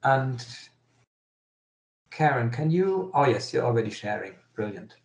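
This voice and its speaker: A man's voice: mid-range voice, animated, unhurried, creaky, echoey room. A man giving an online presentation, his voice sounding strangely metallic over the call, hesitant with many ums and restarts. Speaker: webinar presenter. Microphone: video call.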